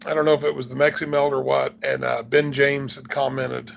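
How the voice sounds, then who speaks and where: Gravelly-voiced man in his forties. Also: medium pitch, flat delivery, brisk. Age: 40s. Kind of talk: casual chat. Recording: dull lo-fi sound with faint noise.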